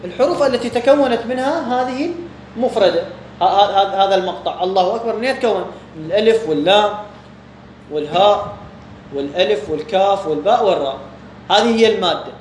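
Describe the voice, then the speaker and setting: A man's voice: high-pitched, fast. A man with an Iraqi Arabic accent teaching a religious text, asking questions and answering them himself. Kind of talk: explaining a jurisprudence text to students. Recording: echoey room with faint background hum.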